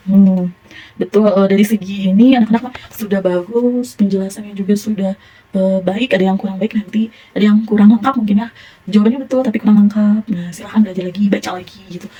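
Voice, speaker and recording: A woman's voice: a little high, warm tone, slight background noise, low-quality recording. A young woman with a Sundanese accent teaching a primary school class, encouraging and praising pupils often. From Indonesia. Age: young adult.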